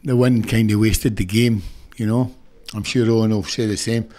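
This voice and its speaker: In a post-match press conference held indoors against a sponsor backdrop, a sixty-something Scottish manager speaks frankly and with evident annoyance. His mellow, lowish voice holds a steady tone at normal speed, captured by a stand mic close in front.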